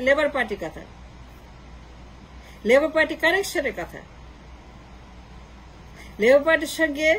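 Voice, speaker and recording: A woman's voice: sits high, a bit bright, slight background noise, low-quality recording. A woman giving a political opinion monologue, insistent and repetitive, slipping English phrases into her talk. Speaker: political commentator.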